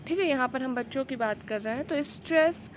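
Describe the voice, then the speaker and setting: A woman with a somewhat high voice lectures on teaching methods, mixing English terms into her explanations. She keeps checking in with her listeners as she goes. A faint background noise sits under the recording. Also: a little fast. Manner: explains in Hindi mixed with English terms, frequent "ठीक है" check-ins. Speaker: teacher exam coach. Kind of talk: pedagogy lecture.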